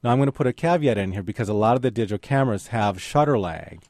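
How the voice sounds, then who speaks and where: Relaxed man explaining over a dry studio mic. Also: lowish voice, fast, no echo. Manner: explanatory, relaxed, many fillers. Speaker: radio guest expert on photography. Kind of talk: casual call-in radio chat. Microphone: studio microphone.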